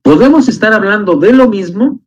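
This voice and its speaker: Animated preacher with a muffled sound. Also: male voice, high voice, moderate pace. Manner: animated, with frequent restarts and repeated words. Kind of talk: sermon. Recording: muffled lo-fi recording.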